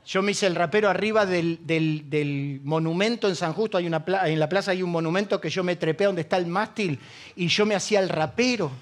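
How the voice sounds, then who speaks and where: Pastor argentino de voz muy aguda. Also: male voice, sits high, brisk. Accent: Rioplatense Spanish. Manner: humorous, storytelling, asks the congregation questions. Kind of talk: sermon.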